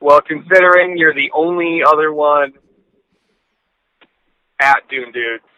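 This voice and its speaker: A man in his late twenties, talking through his cell phone on speakerphone as a podcast co-host in casual, rambling chat with halting restarts and casual swearing. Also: a little high, bright, forceful tone, clean tone, no room sound, poor audio. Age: late 20s. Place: in a car.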